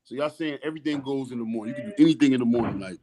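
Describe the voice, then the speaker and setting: A man's voice: medium pitch, very fast, crowd noise. A man co-hosting a casual group chat, talking in a laid-back, rambling way with lots of swearing. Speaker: podcast co-host.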